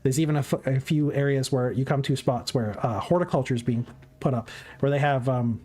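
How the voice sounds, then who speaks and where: A game master improvising descriptive tabletop narration in a halting, conversational way. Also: medium pitch, dark tone.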